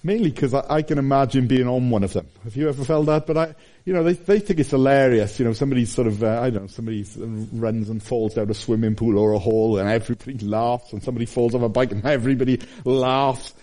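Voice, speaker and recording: A middle-aged man preaching a sermon, animated, with his voice rising and falling for emphasis. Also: medium pitch, fast talker, hardly any pauses.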